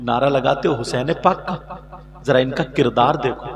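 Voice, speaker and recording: A man preaching an emotional sermon, telling a story tearfully with sudden shouted bursts. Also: medium pitch, moderate pace, in a large hall, lo-fi sound. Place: religious gathering. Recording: live crowd audible behind.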